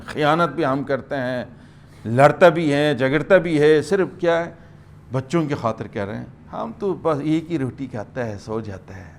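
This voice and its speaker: A middle-aged man delivers a scripture commentary to a gathered audience. His voice sits a little high for a man, and he speaks with emphasis, stopping often to check in with his listeners before pressing on. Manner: emphatic, asks "hm?" and "theek hai" to the listeners. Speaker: mufti giving Quran commentary. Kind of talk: lecture-style Quran commentary to a gathering.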